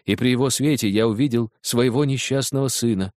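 A man reading a story aloud in the first person, in measured storytelling narration. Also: mid-range voice, darkish tone, no echo, studio quality. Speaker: audiobook reader.

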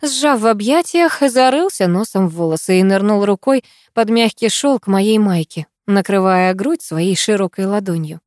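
A woman narrates a dramatic first-person novel with an expressive, emotional delivery. Her voice sits in a middle register. The recording is dry and close. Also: medium pitch, normal speed, hardly any pauses, dry recording. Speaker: audiobook narrator.

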